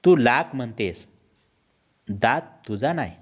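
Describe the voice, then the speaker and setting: A man's voice: mid-range voice, animated, slow, breathy edge. Man reading as an indignant husband with toothache. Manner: complaining, indignant.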